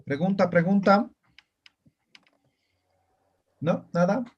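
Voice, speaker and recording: A man teaching an online language class, speaking slowly and patiently and often checking that students follow. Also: sits high, lively intonation, lo-fi sound, slight background noise. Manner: slow, patient, keeps checking students understand.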